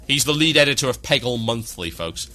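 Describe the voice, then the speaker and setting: Male radio host, bright voice, dry and sarcastic, reading shout-outs over faint music. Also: mid-range voice, animated, fairly quick. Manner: dry, sarcastic, mock-grand delivery.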